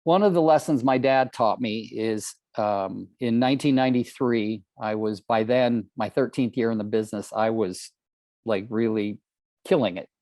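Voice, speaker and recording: A man's voice: lowish voice, normal speed, a little mellow, no room sound, studio quality. A man in his sixties from California, giving an earnest, emphatic motivational training talk to real estate agents, often asking the audience questions. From California, United States.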